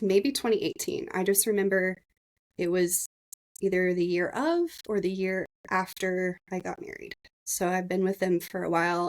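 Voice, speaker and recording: Earnest, emotional woman podcast host. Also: on the low side. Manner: earnest, emotional, talks directly to listeners. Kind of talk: casual personal storytelling.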